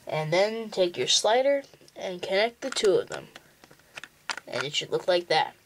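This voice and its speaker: A young man hosting a tutorial speaks in a high voice with big pitch swings, slowly explaining each step of building a toy model in a plain, instructional way. There's a little hiss or hum.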